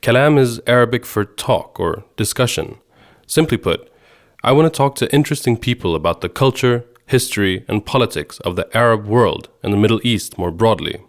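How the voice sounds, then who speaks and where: A man from Sweden hosting a podcast, giving measured, earnest scripted narration. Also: on the low side, lively intonation. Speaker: podcast host.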